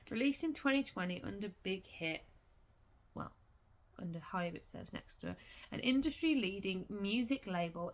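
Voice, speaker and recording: A woman's voice: medium pitch, a bit bright. A woman reading a booklet aloud in a casual vlog, stumbling over words and breaking off to swear. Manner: reads haltingly with restarts and swears in sudden outbursts. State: has the hiccups.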